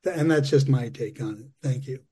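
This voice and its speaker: A man sharing casually at a recovery meeting, rambling with fillers and soft laughs. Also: medium pitch, a little fast, husky.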